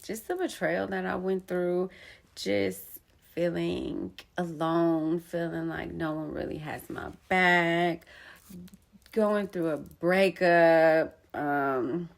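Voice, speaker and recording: A young woman, a poet and storyteller, candidly recounts her own betrayal, casual and emphatic and loaded with slang. Her fairly low voice is creaky, and she takes her time.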